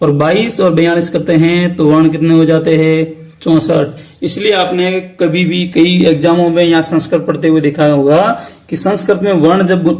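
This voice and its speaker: A man with a Rajasthani Hindi accent teaches an exam-prep lesson in a fairly high voice. He poses each question aloud and answers it himself, slowing to repeat key terms. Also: darkish tone. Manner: asks questions then answers them himself.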